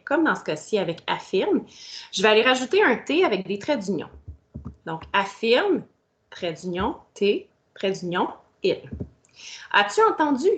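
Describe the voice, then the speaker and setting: A woman's voice: medium pitch, fairly bright tone. A woman teacher, explaining a grammar lesson step by step and speaking directly to the pupil. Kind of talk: recorded grammar lesson for children.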